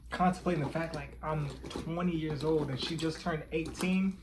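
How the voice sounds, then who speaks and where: This co-host of a couples channel, a man in his twenties, chats casually and candidly with his girlfriend, swearing freely. His voice is fairly high and steady, his pace moderate, with background noise behind him.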